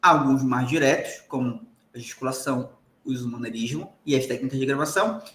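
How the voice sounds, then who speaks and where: Here a brisk, medium-pitched man with a fairly bright tone speaks in a roomy-sounding recording. He has a Brazilian Portuguese accent and is lecturing law students emphatically, checking in with them often.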